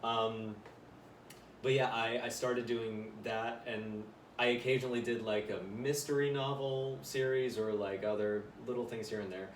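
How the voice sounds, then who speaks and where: A man's voice: mid-range voice, steady tone, normal speed. A young adult man, a voiceover actor, talking casually as a podcast guest, chatty and full of fillers. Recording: roomy room, far mic, faint noise.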